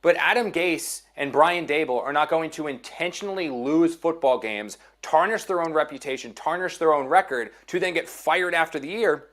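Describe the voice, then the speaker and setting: A man's voice: a little high, moderate pace, hardly any pauses, a bit bright. A man working as an NFL insider in a casual sports chat, emphatic and repeating phrases to drive his points home.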